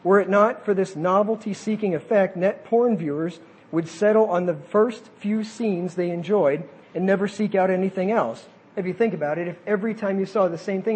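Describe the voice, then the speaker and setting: A man's voice: high-pitched, a little mellow, breathy edge. A man preaching a sermon, reading quotes aloud and breaking off to add casual asides.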